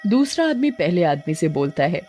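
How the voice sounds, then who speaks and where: A woman narrating an animated horror story in a plain, steady storytelling voice. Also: lowish voice, moderate pace, soft background music.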